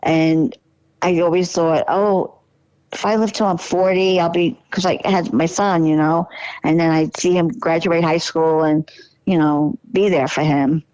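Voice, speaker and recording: A woman's voice: fairly low pitch, fairly even intonation, a little slow, darkish tone, dry recording, poor audio. Chatty woman in her sixties, repeating herself. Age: 60s. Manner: chatty, repeats phrases, trails off mid-sentence. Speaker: podcast guest. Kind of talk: casual conversation.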